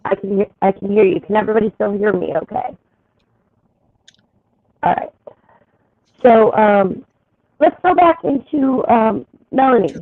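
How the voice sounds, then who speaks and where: A woman hosts a livestream in casual, rambling chat, pulling a card for her viewers. Her voice comes through a headset sounding muffled and thin. The low end is gone, like an old telephone line. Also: measured pace, long pauses. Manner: loose and chatty, reading a card aloud for viewers. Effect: muffled sound with the bass missing. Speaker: astrology livestream host. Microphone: headphones with built-in mic. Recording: muffled, tinny phone-like stream audio.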